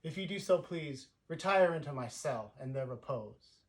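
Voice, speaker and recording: A man playing Prospero, an old and troubled sorcerer, declaiming a stage monologue that swells loudly and then fades to a hush. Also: fairly high pitch, lively intonation, normal speed, close to an everyday voice. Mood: grand, weary.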